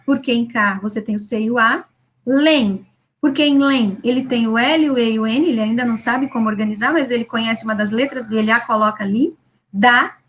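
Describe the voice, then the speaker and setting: A woman with a Brazilian Portuguese accent lecturing on children's literacy over example slides, slowing down to sound out words syllable by syllable. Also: on the high side, a bit bright. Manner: slows and stretches words to model a child reading syllable by syllable; didactic, with frequent "né?" tags and restarts. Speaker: literacy educator.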